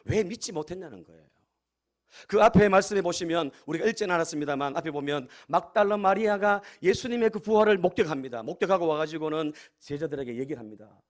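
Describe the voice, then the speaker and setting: A man's voice: on the high side, fast, few pauses. A male pastor preaching a sermon, often addressing the congregation and asking them rhetorical questions.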